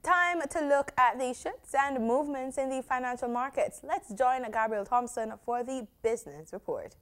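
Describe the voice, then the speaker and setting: A woman news anchor reading scripted headlines in an even, measured way. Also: high voice, clear, resonant tone.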